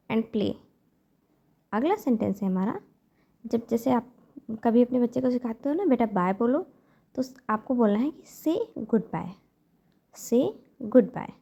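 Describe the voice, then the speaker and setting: Woman teaching phrases, slow and repeating. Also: fairly high pitch, vocal fry, dark tone, highs cut off. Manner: slow careful repetition of English phrases. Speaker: English teacher. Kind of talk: spoken English lesson for parents.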